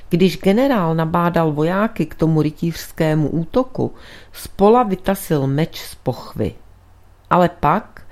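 A woman's voice: fairly low pitch, a little mellow, close to an everyday voice. A woman voicing a shrewd male priest detective who presses his point earnestly in a storybook reading. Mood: explaining.

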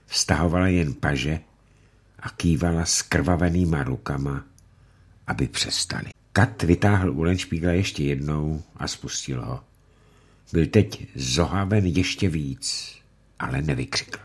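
A man reads a dark tale aloud in a grave, measured way. His voice sits very low and has a husky texture. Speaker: narrator. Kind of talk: dramatic audiobook narration.

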